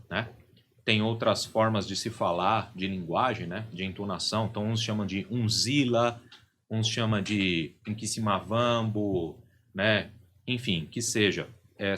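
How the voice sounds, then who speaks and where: A man's voice: fairly low pitch, a bit bright, a little hiss or hum. A middle-aged Brazilian man, a podcast guest and religious leader, explaining at length and often checking in with "né?" and "entende?".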